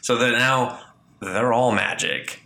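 A man in casual chat, animated and profane, who jumps into loud impressions. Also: medium pitch, takes it slowly, gravelly, echoey room, slight background noise.

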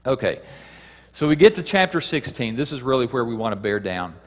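A man's voice: medium pitch, very animated, a little fast. Man preaching in a reverberant hall. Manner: conversational, asks the listeners questions, reads scripture aloud; acts out quoted cries with a raised voice. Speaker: preacher teaching a Bible lesson. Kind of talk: sermon.

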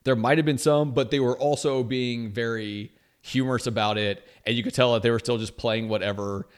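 A man's voice: medium pitch, steady tone, a little fast, clear, resonant tone. A man co-hosting a casual gaming podcast, telling stories in a loose rambling way with lots of fillers. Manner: rambling storyteller, filler-heavy. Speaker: podcast co-host. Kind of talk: casual chat.

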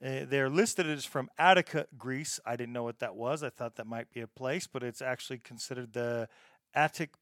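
A man's voice: medium pitch, normal speed, a bit bright, no echo, clean studio sound. A man hosting a music show with casual, conversational talk between tracks.

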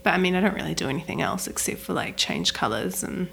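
A young Kiwi woman, a wedding photographer, chats casually in an interview from her flat at home, dropping plenty of "like" fillers and laughing easily. Her voice is fairly low and sing-song with a creaky, fairly bright tone, and she talks quickly. There's slight background noise.

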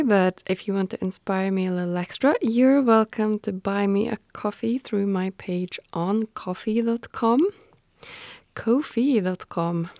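Woman cello teacher hosting her podcast, calm and encouraging, dry close sound. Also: mid-range voice, dry recording.

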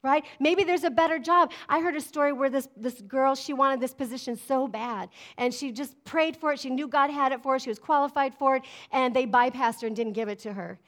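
A woman's voice: high voice, brisk, hardly any pauses. A middle-aged woman pastor preaching a sermon, emphatic and conversational, often asking her congregation "amen?". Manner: emphatic, call-and-response preaching with frequent "amen?".

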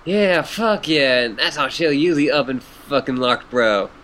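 A man's voice: mid-range voice, moderate pace, a bit bright, a little hiss or hum, close to an everyday voice. A man putting on a drawling stoned clown troll. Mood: mellow. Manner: drawling, swearing, honking like a clown. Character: stoned laid-back male clown troll.

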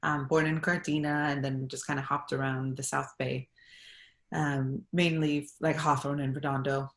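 Young woman guest from Los Angeles, low voice, easygoing and lively; roomy recording. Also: moderate pace. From Los Angeles, USA. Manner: animated, laughing, acts out quoted exchanges. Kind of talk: casual interview chat. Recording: roomy sound with construction noise.

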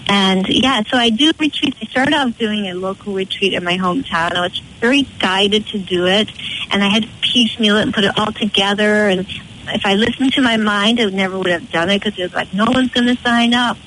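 A woman's voice: medium pitch, brisk, fairly bright tone, slight background noise, low-quality recording. A woman with a west of Ireland accent talking earnestly and reflectively as a guest in a conversational interview. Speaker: interview guest, retreat leader.

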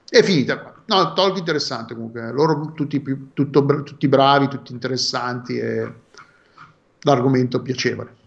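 A man's voice: mid-range voice, vocal fry. A man co-hosting a podcast, chatting casually and stopping to restart his sentences, heard over an online call line. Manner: halting, full of restarts. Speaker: podcast co-host. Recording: dull lo-fi call audio.

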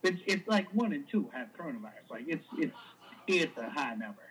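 A man's voice: a little high, big pitch swings, brisk, fairly bright tone, husky, heavily acted, poor audio. A man putting on a goofy hospital phone operator with a Southern US drawl, rambling nonsense in a prank call. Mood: deadpan.

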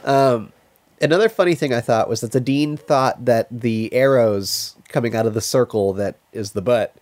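A man's voice: medium pitch, moderate pace, darkish tone. A sick man with a cough co-hosting a casual podcast in a laid-back, teasing way. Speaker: podcast co-host. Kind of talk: casual chat.

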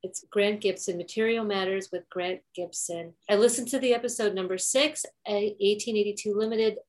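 Chatty woman podcast co-host. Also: medium pitch. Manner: chatty, frequent "like" fillers, laughs easily. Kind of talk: casual chat.

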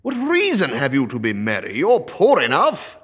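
A man's voice: medium pitch, huge pitch swings, normal speed, a bit bright, slightly rough, voice pushed up, heavily acted. A man voicing a bitter, grumpy old miser, snapping and scornful. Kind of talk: storybook character reading.

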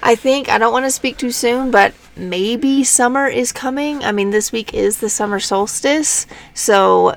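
A woman's voice: a little high, measured pace, gravelly, few pauses. A woman co-hosting a casual podcast from a van, chatting in a playful, teasing way with her partner. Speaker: podcast co-host. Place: parked van outdoors in the mountains.

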